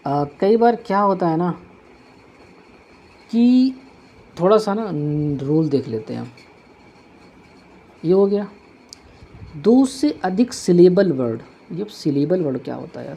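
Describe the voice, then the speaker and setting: A man's voice: on the high side, vocal fry, warm tone, slightly rough. A male teacher giving a classroom grammar lesson, patiently repeating each point as he writes it out on a board.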